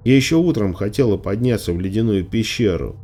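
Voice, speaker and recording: A male audiobook reader voicing a stubborn, determined young girl, pitched a little higher than his own voice. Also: animated, brisk, warm tone. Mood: insistent. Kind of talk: audiobook character voice.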